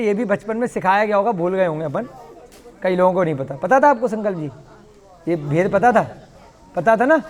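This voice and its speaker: High-voiced teacher in a reverberant room. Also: male voice. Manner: patient, explains with questions and playful asides. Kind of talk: online language class.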